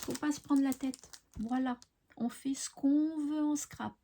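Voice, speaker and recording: Woman, craft vlog host, chatty, fond, high voice, lots of fillers. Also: fairly even intonation, a little slow, mellow, slight background noise. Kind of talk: chatty giveaway presentation.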